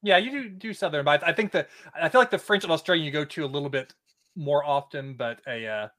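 A man's voice: a little high, fast, fairly bright tone. A man co-hosting a podcast in casual chat, rambling with many fillers. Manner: rambling, filler-heavy, restarts. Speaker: podcast co-host.

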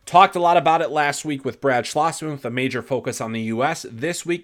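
A man hosting a solo sports podcast, a little stuffy from a recent cold, talking in a chatty, rambling way with fillers. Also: mid-range voice. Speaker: podcast host.

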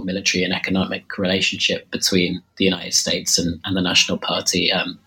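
Slightly sick with a cold and his voice starting to go, a man discusses his book in an interview answer, sounding low, pushed and bright. He hesitates often, using many fillers and restarting sentences. The recording quality is low.

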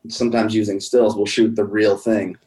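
Mellow low-voiced male guest. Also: little pitch movement, normal speed, low-quality recording. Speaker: guest, visual effects professional. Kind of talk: casual interview chat.

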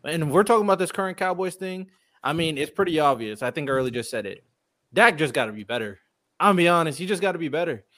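Man, opinionated sports commentator, animated higher voice, dry sound, casual slang. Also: fast, no echo. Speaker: sports show panelist.

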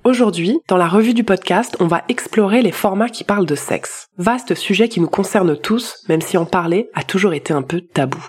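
A woman's voice: mid-range voice, moderate pace, few pauses, darkish tone, slightly rough. A woman hosting a podcast review, delivering scripted narration with personal commentary.

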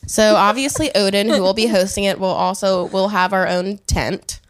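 A woman, a chapter co-chair chatting casually on a podcast, bubbly and quick to laugh. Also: medium pitch, fairly even intonation, slight background noise.

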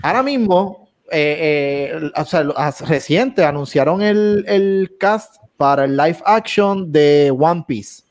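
With a voice on the high side and lively intonation, this man co-hosts a gaming podcast, talking slowly yet with few pauses. His relaxed, rambling chat is full of false starts and Spanglish, English words mixed in.

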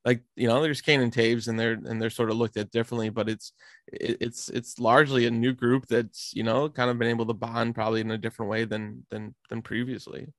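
Halting mid-voiced man, dry sound. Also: mid-range voice, level tone, dry recording. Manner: halting, many restarts and fillers. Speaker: hockey reporter and podcast co-host. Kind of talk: casual sports chat.

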